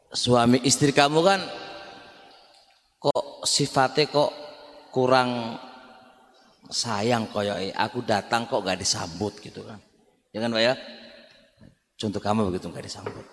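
A man's voice: lowish voice, a little slow, pauses often, fairly bright tone. A man with an East Javanese accent giving an Islamic study lecture in a conversational way, repeating words and often turning to his listeners. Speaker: Islamic religious teacher. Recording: reverberant hall.

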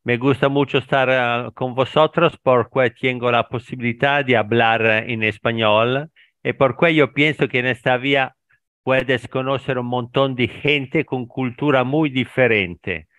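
Clear-voiced Italian man in his fifties. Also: mid-range voice, steady tone, a little slow, no room sound. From Italy. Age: 50s. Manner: warm, enthusiastic, slips into Italian words. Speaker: participant in a language exchange call. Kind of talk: casual self-introduction.

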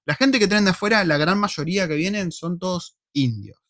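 Joking Argentine man, slangy and lively. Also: high voice, normal speed, dry recording, clean studio sound. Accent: Argentine Spanish. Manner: joking, slangy, animated storyteller. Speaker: host. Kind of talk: live casual chat. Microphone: desk microphone.

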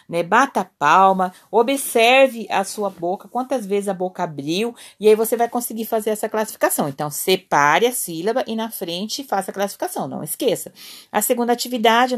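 A woman teacher with a Brazilian Portuguese accent, giving a remote lesson to children in a patient, encouraging way and often checking in with "né?". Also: mid-range voice. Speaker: primary school teacher.

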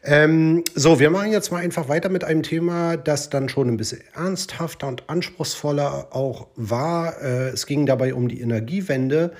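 A man's voice: a little high, normal speed, few pauses. A man hosting a show in a loose, joking way. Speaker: host. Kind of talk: casual presenting.

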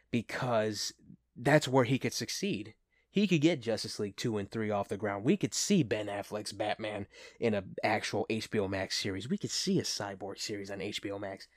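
A man with a fairly low voice gushes like an excited fan as he hosts a casual movie review. The sound is dry and close, with no room echo. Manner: enthusiastic, gushing fan talk. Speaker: host of a movie review show.

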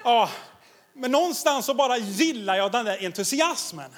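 A man's voice: extremely high pitch, expressive. A man preaching a sermon as pastor, enthusiastic and exhorting, laughing often as he tells stories.

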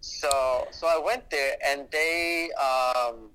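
A man's voice: mid-range voice, takes it slowly, bright, forceful tone, clean tone, rough recording. A man from Pakistan, a podcast guest, telling a story in a rambling way with many fillers. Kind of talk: casual storytelling.

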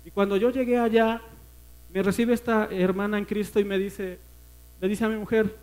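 High-voiced Mexican man giving testimony. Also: level tone, moderate pace, low-quality recording. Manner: earnest, emotional storytelling that often sinks to a hushed voice. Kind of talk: personal testimony sermon. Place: church service.

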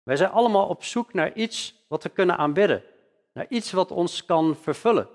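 Earnest preacher in a reverberant hall. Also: male voice, sits high, animated, moderate pace. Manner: earnest, emphatic preaching with rising stresses. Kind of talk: sermon.

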